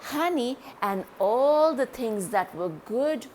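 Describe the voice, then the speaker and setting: Slow, high-voiced woman storyteller. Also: a little hiss or hum. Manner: animated, addresses young listeners directly. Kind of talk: children's story read-aloud.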